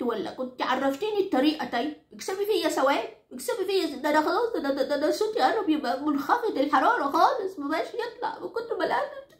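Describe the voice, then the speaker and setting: A woman's voice: high-pitched, reverberant. A woman playing a nagging Egyptian grandmother of nearly ninety who is henpecked by her husband. She rants in an Egyptian Arabic accent, scolds, repeats herself and swears exaggerated oaths. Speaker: comic character monologue. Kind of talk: comic rant to the audience.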